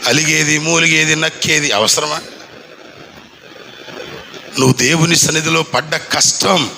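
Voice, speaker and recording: A male pastor preaching a sermon at a church anniversary, with fervent repeated rhetorical questions and long drawn-out lines. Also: fairly high pitch, fairly even intonation, creaky, sharp tone, a little hiss or hum, low-quality recording. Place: church anniversary gathering in a village.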